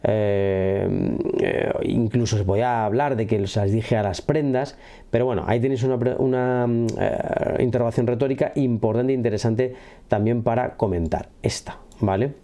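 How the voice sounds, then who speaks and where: A man's voice: medium pitch, normal speed. A man teaching a literature lesson, explaining rhyme and verse step by step, often stopping to check that his listeners follow. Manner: lively, keeps checking in with listeners. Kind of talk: classroom lesson explaining a poem.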